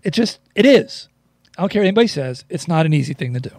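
A man's voice: on the high side, very animated, quick pace, a little mellow, no room sound. A man hosting a podcast, talking in a loose, chatty way with plenty of ums. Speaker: podcast host. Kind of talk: casual podcast chat.

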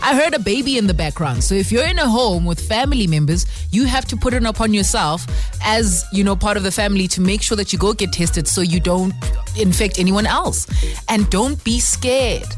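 A woman's voice: mid-range voice, animated, moderate pace. South African woman radio host over music. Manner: sympathetic, encouraging, addresses listeners directly. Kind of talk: conversational radio phone-in hosting.

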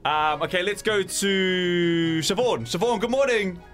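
A man's voice: high voice, a little slow, fairly bright tone, soft background music. A man with a New Zealand accent co-hosting a radio show with casual banter. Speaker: radio host.

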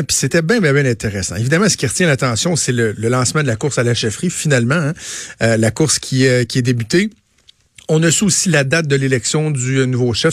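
A man's voice: medium pitch, dry recording. Quebec radio host, dry studio sound, man. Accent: Quebec French. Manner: halting, repeats words while thinking. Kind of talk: casual talk-radio chat and commentary.

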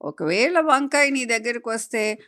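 A woman voicing a mother who coaxes her child with a story, in a gentle, coaxing way. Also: a little high, lively intonation, a little slow. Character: warm mother telling a bedtime story.

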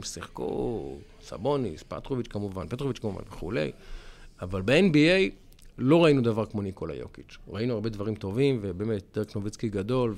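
A man co-hosting a podcast, telling stories in an emphatic, animated way. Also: mid-range voice. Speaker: podcast co-host. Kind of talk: casual chat.

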